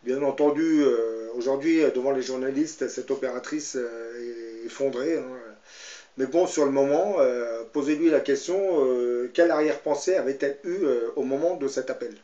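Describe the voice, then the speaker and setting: A man's voice: medium pitch, normal speed, dark tone. A man giving spoken commentary and retelling a Bible story, hesitant, with constant fillers and tag questions. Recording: roomy, slightly dull sound.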